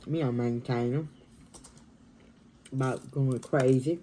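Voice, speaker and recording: Woman, soft half-whispered chat, mellow voice, casual eating vlog, home dining room. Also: rumbling low, fairly even intonation, takes it slowly, slight background noise, low-quality recording. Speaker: mukbang vlogger.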